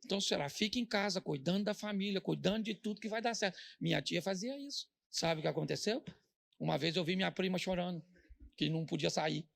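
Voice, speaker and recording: A middle-aged Brazilian pastor preaches with a joking, storytelling delivery and slips into the voices of the people he describes. His voice sits high and is heavily gravelly, full of fry. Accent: Brazilian Portuguese. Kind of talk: humorous sermon.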